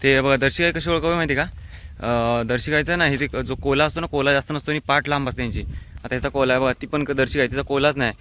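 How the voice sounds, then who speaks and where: A man's voice: mid-range voice, steady tone, fast talker, a bit bright, slight background noise. A young man from the Konkan, chatting to viewers as he walks through the countryside with his phone camera. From Konkan, India. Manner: chatty, mixes English words, talks to viewers directly. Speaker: vlogger. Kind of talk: casual walking vlog narration. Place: outdoors in forest and fields.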